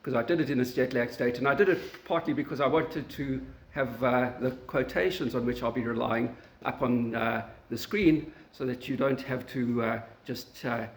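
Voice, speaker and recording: A man from South Africa with a South African accent, giving an academic lecture in a university meeting room, halting often with fillers and restarts. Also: mid-range voice. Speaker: guest lecturer. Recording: echoey lecture room recording.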